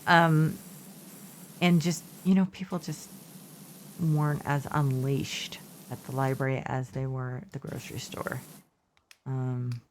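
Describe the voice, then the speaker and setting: Middle-aged woman streamer, really low voice, rambles thru a story while she plays, keeps correcting herself. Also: slight background noise. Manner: meandering, self-correcting storytelling; asides about the game mid-story. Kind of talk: casual storytelling while gaming.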